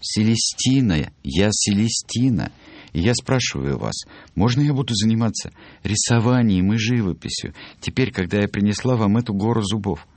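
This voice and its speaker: A man's voice: on the low side, lively intonation, normal speed, a little mellow, no room sound, pitched above the performer's own voice. A man voicing Celestine, a small mouse girl asking politely and earnestly.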